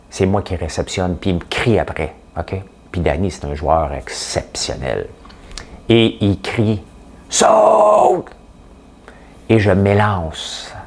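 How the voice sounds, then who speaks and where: A man with a Quebec French accent, hosting a casual morning talk to camera, rambling and animated as he tells stories. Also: low-pitched. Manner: chatty, rambling, animated storytelling. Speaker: host. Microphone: studio camera setup.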